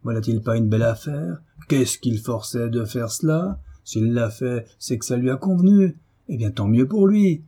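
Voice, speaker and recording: A man reads a character in an audiobook: a hot-tempered, brutish middle-aged landowner who blusters, curses and shouts in fury. His slightly rough, medium-pitched voice is expressive and moderately paced, with hardly any pauses.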